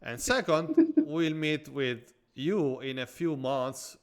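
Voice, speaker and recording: A man with an Italian accent hosting a podcast, chatting casually and jokingly, trailing off into quiet asides. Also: on the high side, sing-song, slow pace, clean tone. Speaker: podcast host. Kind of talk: casual interview chat.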